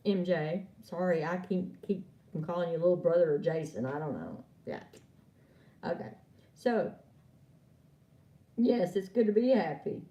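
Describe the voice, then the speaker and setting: A woman's voice: fairly low pitch, lively intonation, measured pace, long pauses, warm tone, dull audio. Chatty woman giving a card reading. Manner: chatty, laughs often, talks to viewers by name. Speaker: oracle card reader. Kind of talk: live stream chat with viewers. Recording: echoey room, far from mic.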